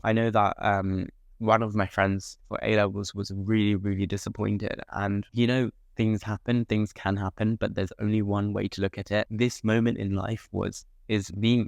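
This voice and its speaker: Low-voiced young British man giving advice. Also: gravelly, no room sound, clean studio sound. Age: young adult. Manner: informal, emphatic, reassuring. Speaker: student advice vlogger. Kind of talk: casual advice talk to camera.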